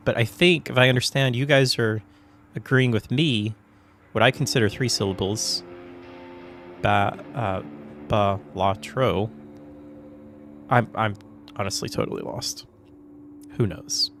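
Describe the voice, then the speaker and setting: A man talking to his stream chat as he plays, slow and unhurried, rambling and often confused. He chuckles and clears his throat as he goes, with faint music playing behind him. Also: medium pitch. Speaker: livestream gamer. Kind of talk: casual livestream chat. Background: soft background music.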